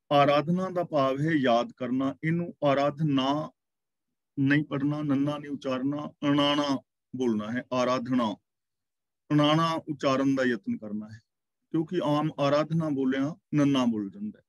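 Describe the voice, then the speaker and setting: A man teaching a scripture class, reciting verses slowly and then explaining their meaning word by word. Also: on the high side, no room sound, dull audio.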